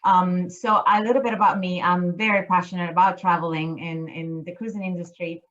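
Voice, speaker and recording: A middle-aged Chilean woman who works as a business development manager for a cruise line talks enthusiastically in a casual video-call interview, restarting often. Her voice is fairly low and bright with fairly even intonation and a slightly fast pace, and the recording sounds muffled.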